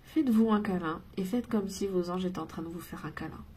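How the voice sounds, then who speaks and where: A woman giving a casual spiritual card reading, chatty and rambling, reassuring her viewers and breaking off with giggles and soft whispers. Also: lowish voice, fairly quick, slight background noise. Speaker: oracle card reader.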